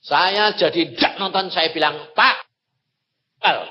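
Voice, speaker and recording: A male evangelist preaching a sermon, telling a humorous personal story and jumping between shouts and low asides. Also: slow. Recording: dull lo-fi sound, faint background noise.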